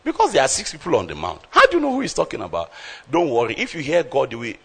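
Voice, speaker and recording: A man's voice: medium pitch, wildly swooping pitch, fast, gravelly, sharp tone, husky. A man preaching a sermon, explaining scripture verse by verse and calling out emphatically to his congregation.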